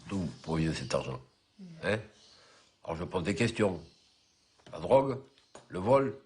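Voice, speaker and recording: A man's voice: low voice, big pitch swings, a little slow, darkish tone, husky. A man in his sixties, born in North Africa, speaking indignantly and a little hesitantly in a street interview. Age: 60s.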